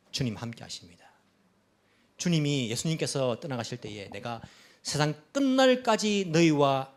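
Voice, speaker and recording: A man from Korea preaching a sermon as pastor, impassioned, rising to loud exhortation and dropping to hushed prayer. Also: medium pitch. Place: church sanctuary.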